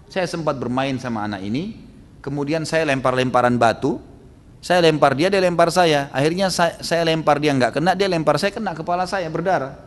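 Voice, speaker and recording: A man with an Indonesian accent delivers a storytelling sermon at a middle pitch. He slips into the voices of the characters as he goes. His voice trails off into the long reverb of a hall. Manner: lively storyteller, acts out dialogue, frequent "gitu kan" tags. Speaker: Islamic preacher.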